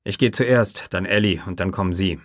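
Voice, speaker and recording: A man reading an audiobook plays a steady, determined male scientist in a firm, matter-of-fact manner. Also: sits low, normal speed, dry recording, lo-fi sound. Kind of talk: audiobook character voice.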